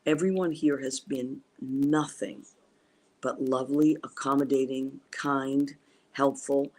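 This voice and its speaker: Her pitch is extremely low and a little mellow, with fairly even intonation and a slow pace. Speaking Italian as her first language, this talk show host livestreams casually over a video call while traveling abroad. She rambles eagerly, restarting often and leaning on fillers.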